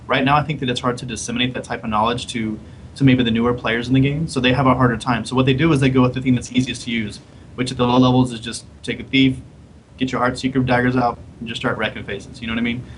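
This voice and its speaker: A man's voice: medium pitch, little pitch movement, slight background noise, poor audio. A man, a game developer, explaining his design thinking in a casual podcast panel chat. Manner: quick, explanatory, casual slang.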